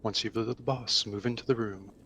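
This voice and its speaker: Calm low-voiced raid leader man. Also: quick pace, slight background noise. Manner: calm, instructive. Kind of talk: gaming voice chat.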